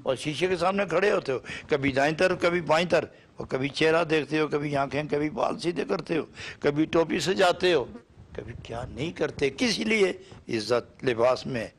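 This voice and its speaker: A man from Pakistan delivering a sermon lesson in a slightly high voice. He builds long chanting runs of short parallel phrases, then lifts into pointed rhetorical questions. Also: a little hiss or hum. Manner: rhythmic, repetitive lists of short phrases; emphatic rising questions. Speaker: Sufi preacher.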